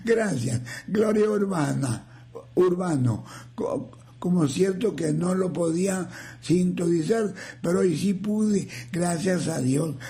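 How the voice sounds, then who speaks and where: Older radio host, slow and gravelly. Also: male voice, high voice, warm tone. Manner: folksy, joking, slow and drawn out. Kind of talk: reading listener messages on live radio.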